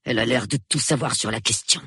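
A man's voice: mid-range voice, vocal fry, sharp tone, slightly rough, dry recording, clean studio sound, heavily acted. Man voicing a nervy, sulky young man. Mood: sullen, rushed. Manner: rushed, sullen and shaky. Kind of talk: audiobook character voice.

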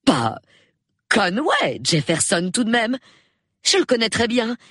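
A woman reading an audiobook puts on a chatty lady of the manor who gets swept up in her own excitement. The voice leaps high and swoops widely. It has a husky edge and sounds close and dry. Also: slow pace, no echo, exaggerated voice. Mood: excited. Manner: gushing, high and emphatic.

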